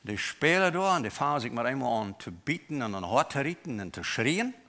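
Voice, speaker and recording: Bright-voiced preacher with a Low German accent. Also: male voice, very animated, a little fast. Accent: Mennonite Low German. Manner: switches between Low German, German and English words, emphatic. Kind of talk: sermon. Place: church.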